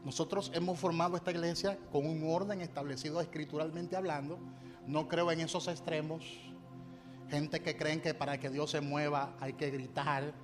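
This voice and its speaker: A male pastor preaches to his congregation in a high voice. He drives his points home with emphatic refrains and has the congregation repeat lines after him. Music plays clearly underneath. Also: fairly even intonation, moderate pace. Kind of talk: sermon.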